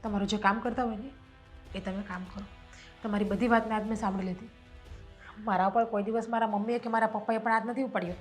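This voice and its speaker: A quick-tempered young wife in a family stage drama, played by a woman fires back at her husband in a high, bright voice. She speaks fast and sharp and uses rustic dialect words. Her retorts come rapid and pointed. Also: soft background music. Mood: hurt. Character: overworked young wife, sharp-tongued and defiant.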